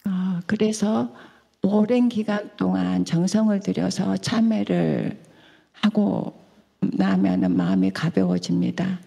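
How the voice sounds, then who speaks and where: A woman's voice: medium pitch, animated, racing, gravelly, mellow, breathy edge. A woman student answering a question in class, hesitant with many fillers.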